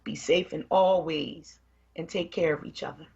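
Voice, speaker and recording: A woman co-hosting a radio talk show, hoarse at the end of the broadcast, giving earnest, faith-tinged closing remarks. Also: low voice, normal speed, darkish tone, muffled recording. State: hoarse, voice worn out. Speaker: radio co-host.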